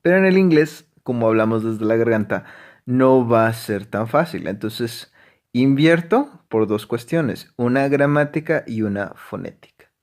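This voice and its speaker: A male language teacher explains grammar at a steady medium pitch. He stresses his points and keeps dropping in short "ujú" affirmations to move the lesson along. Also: measured pace. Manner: frequent "ujú" affirmations, emphatic.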